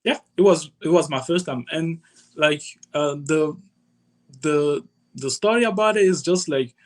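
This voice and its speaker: A young man from Togo with a Togolese accent, speaking casually as an interview guest, haltingly and repeating his phrases. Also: on the high side. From Togo, West Africa. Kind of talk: casual personal storytelling.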